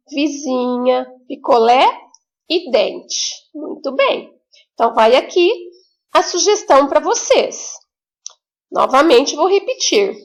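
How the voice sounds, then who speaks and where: A woman teaching a remote lesson to young children with a Brazilian Portuguese accent, in a slow, sing-song, encouraging way with drawn-out words. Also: sits high, creaky. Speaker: primary school teacher.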